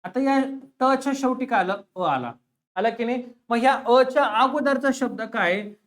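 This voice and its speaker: A man's voice: very high voice, animated, moderate pace, a bit bright. A man teaching an exam-preparation lesson, who asks his students questions and then answers them himself, repeating the key words.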